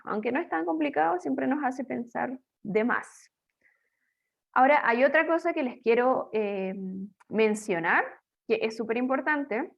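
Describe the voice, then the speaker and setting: A woman explains English grammar to her students in a playful, chatty tone. Her voice sits a little high. The recording is a bit dull and lo-fi, like a home-made online lesson. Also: gravelly. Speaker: English teacher.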